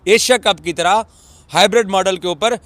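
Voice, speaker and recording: A man's voice: high voice, normal speed, a bit bright, dry recording. A man from Pakistan giving emphatic live cricket commentary at a cricket ground. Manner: emphatic, repeats for stress.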